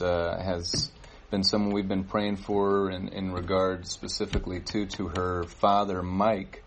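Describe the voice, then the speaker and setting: Man, low flat voice, halting church announcements, noisy room. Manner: halting, many fillers and restarts. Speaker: worship leader giving announcements. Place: church service.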